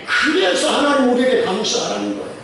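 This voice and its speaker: A man's voice: very high voice, huge pitch swings, quick pace, a bit bright, slight background noise. A middle-aged male pastor preaching a sermon, putting many questions to the congregation and repeating his phrases. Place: church sanctuary. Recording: very echoey church hall from far off.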